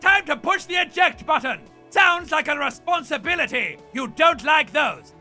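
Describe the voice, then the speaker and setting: A man voicing an impulsive, reckless male inner voice that shouts and urges escape, from a video game. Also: extremely high pitch, normal speed, faint music behind, exaggerated voice. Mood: excited. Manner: shouting, excitable.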